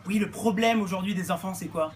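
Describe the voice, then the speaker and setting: A woman playing a loud, unhinged middle-aged mother of many kids in a live stand-up sketch, barking orders and rambling with constant fillers. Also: mid-range voice, a little fast, lightly acted. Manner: brash, rambling, barks orders, filler-heavy "hein". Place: comedy club stage. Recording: noisy live club recording.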